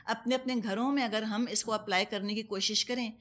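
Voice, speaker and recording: A woman's voice: fairly high pitch, steady tone, fairly bright tone. Woman teaching a Quran lesson. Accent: Pakistani Urdu. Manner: explains patiently with everyday examples and questions to listeners; mixes English words into Urdu.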